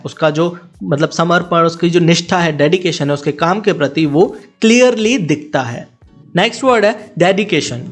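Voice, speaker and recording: A man with a voice on the high side teaches English vocabulary in Hindi. He spells each word and reads each example sentence slowly, then explains it quickly.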